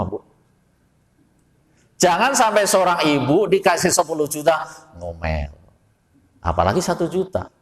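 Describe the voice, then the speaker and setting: A man's voice: medium pitch, in a large hall. A Javanese man preaching a folksy study sermon to his congregation, often putting questions to the audience. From Java. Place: mosque hall.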